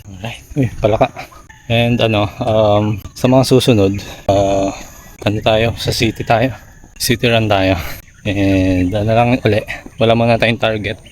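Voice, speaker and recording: A man's voice: fairly low pitch, fairly even intonation, a little slow. A Filipino man chatting casually to his vlog viewers while running outdoors. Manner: talking while running and walking, exerting. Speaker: running vlogger.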